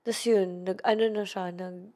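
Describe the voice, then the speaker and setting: A young woman with a Filipino accent recounts her own experiences in a casual storytime vlog. Her voice sits at a middle pitch, and she slips between languages mid-sentence. She talks to the viewer like a close friend. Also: steady tone, a little slow, mellow. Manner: chatty Taglish storytelling, addresses viewer as best friend. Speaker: content creator.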